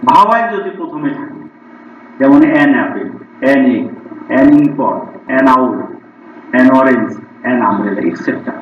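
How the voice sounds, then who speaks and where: A male English teacher with a Bengali accent giving a classroom grammar lesson, listing example words and slowing down for English sentences. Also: mid-range voice, big pitch swings. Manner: reads word lists, slows right down for English sentences. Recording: distant, roomy, dull lo-fi recording.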